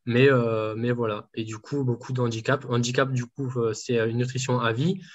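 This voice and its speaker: Man, dietitian interviewee, halting delivery, dull lo-fi call sound. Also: mid-range voice, flat delivery. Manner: hesitant, many fillers and restarts. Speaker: home enteral nutrition dietitian. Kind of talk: casual interview answers.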